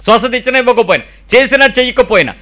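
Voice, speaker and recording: A middle-aged male pastor preaching with a high, lively voice. His tone is bright and ringing, and he fires off rhetorical questions and drops in English phrases now and then. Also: very fast. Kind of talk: sermon.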